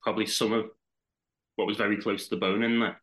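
A man from Liverpool, England, speaking with a Liverpool accent, chats casually as a podcast guest, rambling with many restarts. He talks fast in a lowish, fairly bright voice with little pitch movement. The recording is rough.

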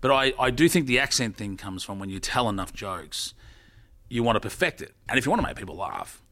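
Aussie guy, low voice, chatty joke-telling guest. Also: fairly quick. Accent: Australian. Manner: animated, joke-telling raconteur. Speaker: guest, former television warm-up comedian. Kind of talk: casual interview chat.

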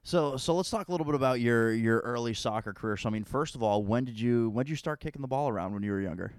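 A man's voice: medium pitch, expressive, fast, smooth, no room sound. An American man hosting a podcast, chatting casually as he interviews a guest in a team locker room. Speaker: podcast host.

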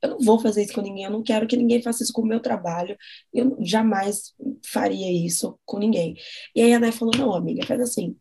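A woman's voice: medium pitch, steady tone, fast, warm tone, husky. A Brazilian woman co-hosting a podcast, talking in a rambling, emotional way with nervous laughs. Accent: Brazilian Portuguese. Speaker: podcast co-host. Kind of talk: casual conversation.

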